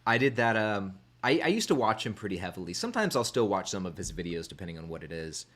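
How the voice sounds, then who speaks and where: Low-voiced easygoing male podcast host. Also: sing-song, fast talker, a bit bright. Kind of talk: casual podcast chat.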